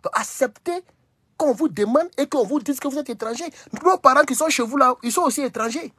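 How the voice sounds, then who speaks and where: Young Ivorian man, livestream host, Ivorian French accent, husky, animated rhetorical delivery. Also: extremely high pitch, brisk. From Côte d'Ivoire. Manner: animated, rhetorical, repeats questions. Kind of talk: casual livestream monologue.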